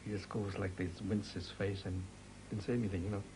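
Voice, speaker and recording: Gravelly man giving halting interview answers. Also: low-pitched, flat delivery, mellow, a little hiss or hum, poor audio. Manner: halting, hesitant speech with nonstandard grammar. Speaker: interviewee, former club partner.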